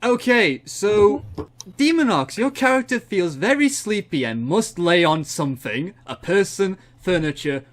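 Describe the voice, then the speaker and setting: A man's voice: sits high, expressive, unhurried. A man running a comedy tabletop game as game master, laughing often and playful.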